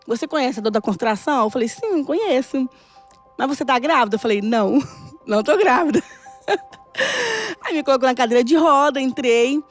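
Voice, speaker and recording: A middle-aged woman telling a personal testimony in a casual, animated way and acting out the dialogue. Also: sits high, fairly quick, long pauses, faint music behind. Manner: animated, laughing often, acts out dialogue. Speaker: church guest sharing a testimony.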